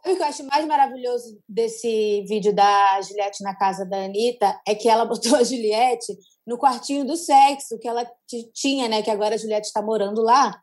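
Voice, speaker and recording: A Brazilian woman hosts a gossip chat, laughing easily and chiming in with agreement. Her voice is a little high. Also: moderate pace, hardly any pauses, a little mellow. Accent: Brazilian Portuguese. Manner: giggly, agreeable. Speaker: host.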